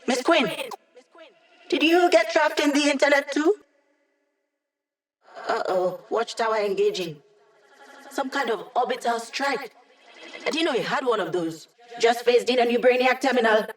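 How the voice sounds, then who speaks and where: A woman's voice: on the high side, fairly bright tone. Cheeky young female hacker. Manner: playful, breezy, teasing, tech-savvy banter. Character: quick, cheeky young female hacker, digital helper to a villain squad. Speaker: video game character giving mission support. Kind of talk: scripted video game voice lines.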